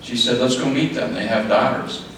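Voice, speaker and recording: A middle-aged man delivers a wedding speech as father of the bride, in short, halting phrases with repeats. His mid-pitched voice is picked up from a distance in a very echoey room, with clear background noise. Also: steady tone, fairly bright tone.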